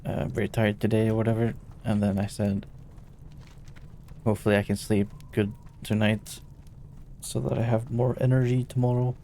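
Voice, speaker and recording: A tired man from Norway streams a game and chats casually and hesitantly with viewers in a low-key way. His delivery is flat and mellow at a normal speed, with slight background noise.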